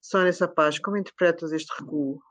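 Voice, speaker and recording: A host with a European Portuguese accent, moderating a political panel in a brisk and pointed way. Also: mid-range voice, steady tone, fairly bright tone. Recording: slightly dull, lo-fi sound.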